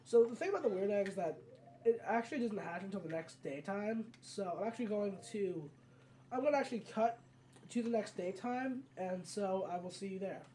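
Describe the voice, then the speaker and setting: A let's player gives casual, rambling commentary on a video game, often correcting themselves partway through a sentence. The voice is mid-range, expressive and warm, at a fairly quick pace, and the mic sits at a distance with background noise audible.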